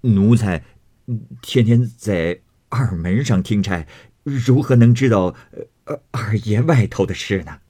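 A man voicing a frightened, grovelling male servant who stammers and pleads, slow and hesitant. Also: lowish voice, animated, dark tone, slightly rough, full character voice.

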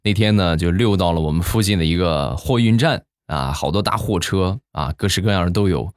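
A young man hosting a comedy podcast, telling funny stories with animated, exaggerated exasperation into a studio mic. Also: deep voice, brisk, no room sound. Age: young adult. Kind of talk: comic storytelling podcast.

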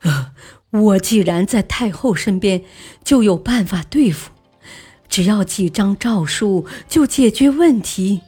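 A woman voicing a scheming male court favorite who flatters and pleads with drawn-out sighs. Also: mid-range voice, husky, soft background music. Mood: smug.

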